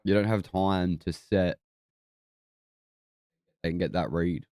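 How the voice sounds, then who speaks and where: A man's voice: low-pitched, fairly even intonation, takes it slowly, dark tone, dry recording, clean studio sound. A man with a broad New Zealand accent giving casual, laid-back, sweary live fight commentary. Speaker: boxing watch-along podcast host.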